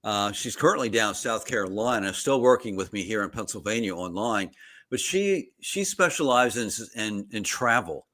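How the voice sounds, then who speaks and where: A man co-hosting a local podcast, talking in a halting way with restarts. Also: on the low side, lively intonation, a bit bright. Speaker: podcast co-host, politics. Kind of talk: casual chat.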